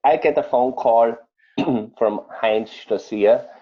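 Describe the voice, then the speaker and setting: A man with an Austrian accent, a chef telling stories in an interview, speaking haltingly with many fillers and restarts. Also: mid-range voice, breathy edge, highs cut off. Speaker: chef guest. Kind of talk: conversational interview storytelling.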